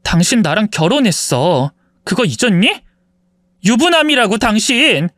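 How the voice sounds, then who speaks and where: A man's voice: high-pitched, very animated, unhurried, a bit bright, no echo, clean studio sound, heavily acted. A man voicing a betrayed wife in her forties who accuses her husband of cheating. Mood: indignant. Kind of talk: dramatized story reading.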